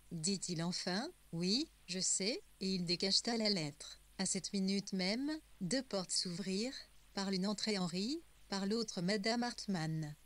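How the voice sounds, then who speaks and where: A woman reading a first-person novel as an audiobook, in a measured storytelling voice. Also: mid-range voice, a bit bright. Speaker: audiobook narrator. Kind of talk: first-person literary narration.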